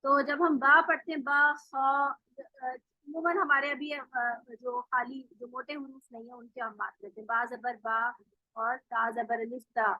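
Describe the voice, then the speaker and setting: Woman, recitation teacher, high bright voice, dull dry call audio. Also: fairly even intonation, no room sound. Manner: patient, explains then models sounds slowly. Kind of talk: online tajweed class.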